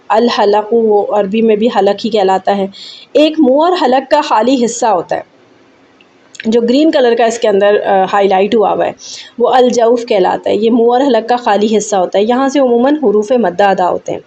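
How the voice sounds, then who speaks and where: A woman's voice: a little high, mellow, a little hiss or hum. A woman explaining a recitation lesson step by step, with hesitant fillers. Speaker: recitation teacher. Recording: dull, muffled lo-fi audio.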